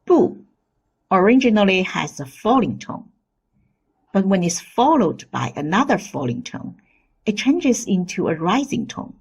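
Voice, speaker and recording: A woman teaching a scripted language lesson who speaks in slow, deliberate drills with playful asides. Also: mid-range voice, big pitch swings, creaky, a little mellow, breathy edge.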